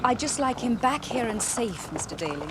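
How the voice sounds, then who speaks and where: An actress playing a composed, monied woman in a TV drama, measured and formal. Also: on the high side, big pitch swings. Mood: concerned. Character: composed, genteel, monied woman hiring help. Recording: clear background noise.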